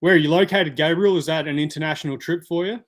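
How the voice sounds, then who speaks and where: A man's voice: fairly high pitch, fast talker, a bit bright. A man hosting a casual live stream, chatting and answering viewer comments by name. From Australia.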